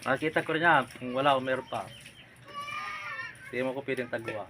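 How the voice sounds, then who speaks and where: A man's voice: mid-range voice, a little fast. Commanding male folk healer, noisy yard. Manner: commanding, insistent, repeatedly prodding with "ha?". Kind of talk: interrogating a spirit during a healing ritual.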